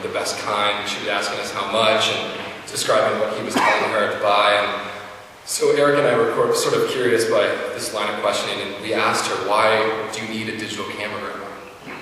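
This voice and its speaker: A young man giving a eulogy for his grandmother in a faltering, tender, reflective way, often halting and restarting. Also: on the low side, pushed and bright. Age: young adult. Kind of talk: eulogy speech. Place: large reverberant indoor room, recorded from a distance. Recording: very echoey hall, distant mic, faint noise.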